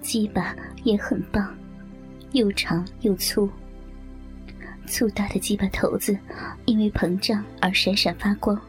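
A woman reading a first-person story aloud in a soft, half-whispered delivery. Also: medium pitch, fairly even intonation, unhurried, long pauses, soft background music.

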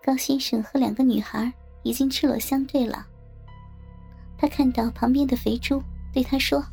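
Brief: high, husky female narrator for an erotic audio story, warm and creaky, faint music behind. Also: steady tone. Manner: slow, soft, intimate storytelling.

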